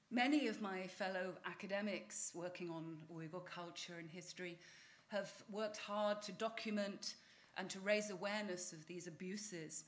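Woman professor giving a measured lecture. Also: mid-range voice. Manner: measured and formal. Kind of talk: academic lecture. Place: lecture hall stage.

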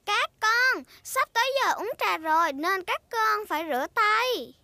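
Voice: extremely high pitch, expressive, unhurried, pushed and bright, heavily acted. A performer voicing a bossy, cheerful little girl piglet in a cartoon dub, talking in an emphatic, childish way. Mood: bossy, playful. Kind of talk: cartoon dubbing.

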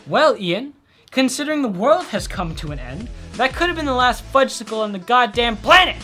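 A teenage actor playing a petty, easily sidetracked apocalypse survivor who rambles and keeps apologizing in a comedic short film. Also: male voice, high voice, a bit bright. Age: teens. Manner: rambling, self-interrupting, apologetic asides. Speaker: survivor recording a video message.

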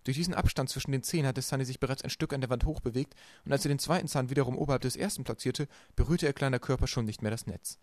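A man narrating a storybook with a quick, lively delivery. His voice sits in a middle register and the recording is close and dry, with no room sound. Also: mid-range voice, no room sound. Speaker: audiobook reader.

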